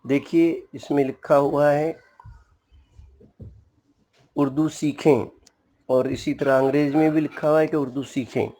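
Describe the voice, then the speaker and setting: A man's voice: on the high side, steady tone, unhurried, long pauses, warm tone. A man teaching an alphabet lesson in a formal, courteous way, patiently explaining each letter's name and sound. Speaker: Urdu teacher. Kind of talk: slow spoken language lesson.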